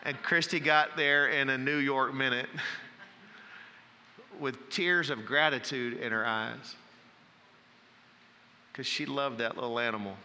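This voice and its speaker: A man preaching a sermon from the pulpit, telling folksy stories and dropping to a hush for emphasis. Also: mid-range voice, fairly even intonation, a little slow, long pauses, in a large hall, slight background noise. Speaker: pastor. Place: church sanctuary.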